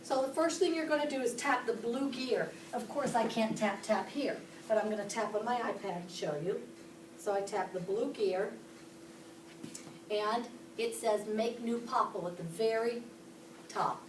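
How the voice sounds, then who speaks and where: In this classroom instruction, a woman from Pittsburgh, Pennsylvania speaks at normal speed with a fairly high pitch, explaining each step and questioning the children. The camera is across the room, giving a far-off, echoey sound with slight background noise.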